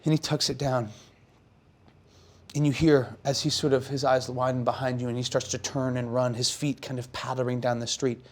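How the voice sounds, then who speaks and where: A man working as game master, improvising narration for a tabletop game in casual, descriptive, halting phrases. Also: medium pitch, little pitch movement.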